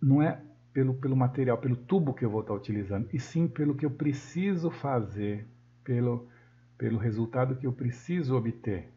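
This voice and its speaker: A Brazilian man with a Brazilian Portuguese accent talks through a software tutorial while he works on screen. He thinks aloud, stops to correct himself, and keeps checking in with his students. The sound is dull and lo-fi, picked up by a desktop mic, with his voice sitting at a middle pitch for a man. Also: expressive, moderate pace. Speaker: software instructor.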